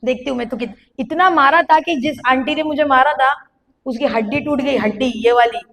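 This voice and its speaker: Young woman, high voice, sermon testimony, animated and emphatic. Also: moderate pace. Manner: animated storytelling, rising to emphatic calls. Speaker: preacher giving testimony.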